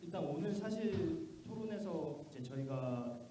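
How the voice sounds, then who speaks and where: A man's voice: a little high, lively intonation, background noise. A man commenting at a forum, hesitant and full of fillers. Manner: rapid, hesitant, many fillers. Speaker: forum participant. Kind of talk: casual comment in a discussion. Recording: distant, very echoey room mic.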